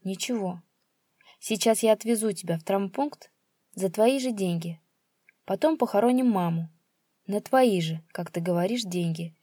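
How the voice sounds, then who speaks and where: A woman voicing an adult son who talks flatly and coldly. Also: medium pitch, normal speed, slightly rough, no room sound, studio quality, close to an everyday voice. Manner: flat, calm, cold delivery. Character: cold, calm adult son, grim and menacing.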